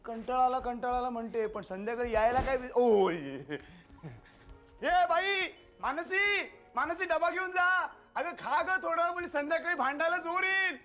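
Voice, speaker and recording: An actor playing a teasing, quick-tempered husband in a bickering marriage, in a TV serial. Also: male voice, very high-pitched, fairly even intonation, soft background music. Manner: teasing and curt, bursts into loud cheer. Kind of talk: TV serial acting.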